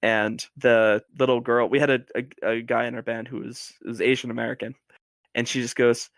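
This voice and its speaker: A man guesting on a podcast, telling a story in a casual, animated way with lots of fillers. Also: mid-range voice, fairly quick, creaky, no echo, clean studio sound.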